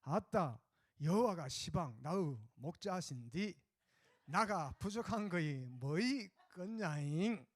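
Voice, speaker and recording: This is a hearty, drawling country man with a thick Jeolla accent, as a pastor puts him on, reciting a psalm in homespun phrases full of exclamations. The voice rides high and lively, and the recording is dry and close. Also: takes it slowly, no room sound. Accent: Jeolla dialect. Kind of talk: sermon illustration, dialect recitation.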